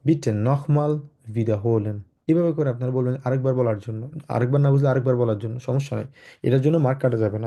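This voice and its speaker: Mellow-voiced man teaching. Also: mid-range voice. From Bangladesh. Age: 20s. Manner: slow, clearly spaced model sentences; loose, halting delivery with many fillers. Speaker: German language teacher. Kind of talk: online lecture to students.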